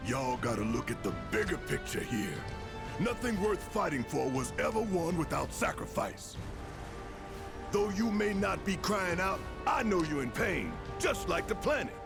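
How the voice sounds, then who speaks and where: A man voicing a burly, passionate rebel leader in a video game, speechifying in a folksy, gravelly way. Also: high-pitched, sing-song, unhurried, over music, exaggerated voice. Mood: stern, rousing.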